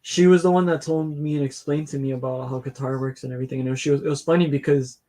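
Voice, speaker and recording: A man's voice: medium pitch, steady tone, fast, warm tone. A man co-hosting a football watchalong, telling long rambling stories with lots of fillers and restarts. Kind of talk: casual chat.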